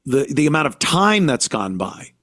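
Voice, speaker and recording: A man from the United States hosting a podcast, talking alone in an indignant rant full of halting restarts. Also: medium pitch, sing-song, a bit bright, no echo, clean studio sound. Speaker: podcast host. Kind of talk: podcast monologue.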